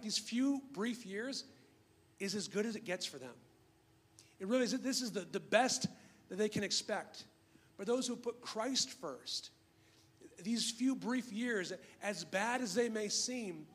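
A man's voice: high voice, fairly bright tone. A middle-aged man giving a sermon as pastor, talking in a conversational way with restarts and asides to the congregation.

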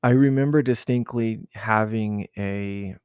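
A man's voice: fairly low pitch, a little slow, darkish tone, clear, resonant tone, no room sound. A man from southern Arizona recalling a personal memory in an unscripted interview, hesitant and reflective, with many fillers and restarts. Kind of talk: unscripted oral-history recollection.

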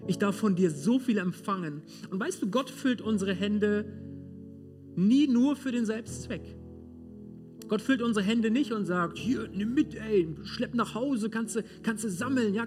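Preacher, male, high voice, direct and searching, loud-soft swings, guitar playing clearly beneath him. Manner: talks straight to listeners with rhetorical questions; swings between loud stress and hushed softness. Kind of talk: sermon. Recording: sermon with clear guitar music underneath. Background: guitar music.

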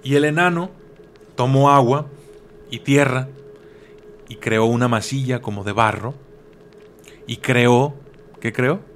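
A storyteller tells a folk legend in a casual oral style, dropping slang asides and repeating words. His medium-pitched voice moves slowly with frequent pauses, over a little hiss or hum.

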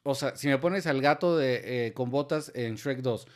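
A man's voice: mid-range voice, moderate pace. A man with a Mexican accent co-hosting a podcast, talking casually with hesitant fillers. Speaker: podcast co-host. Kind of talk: casual chat.

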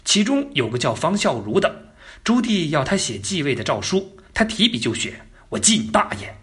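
A man's voice: on the high side, sing-song, normal speed, fairly bright tone. A man telling history as a casual story, colloquial and joking, with asides to the listener. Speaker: narrator.

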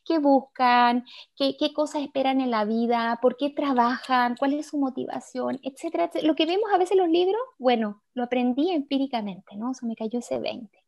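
A woman, the guest of an interview, telling a work story in an animated, chatty way full of little fillers. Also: sits high. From Chile. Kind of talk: conversational storytelling.

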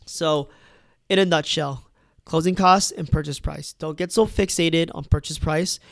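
A man, stuffed up from a cold, talks through home-buying advice in a relaxed, chatty way. His voice sits a bit high and has a gravelly edge, and the sound is dry and close. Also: measured pace, no room sound. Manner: conversational, tags points with "right?" and "you know". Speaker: real estate agent. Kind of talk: casual advice talk to camera.

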